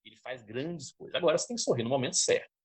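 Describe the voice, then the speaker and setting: A Brazilian man lectures on public speaking in a didactic way, often checking in with his listeners and adding lively emphasis. His medium-pitched voice races along with a breathy edge.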